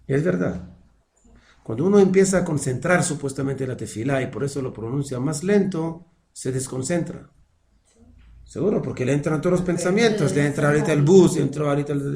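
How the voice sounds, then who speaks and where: A man's voice: a little high, gravelly, darkish tone, roomy sound. A man teaching a casual religious class as a rabbi, asking rhetorical questions as he explains. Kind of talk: informal religious lesson.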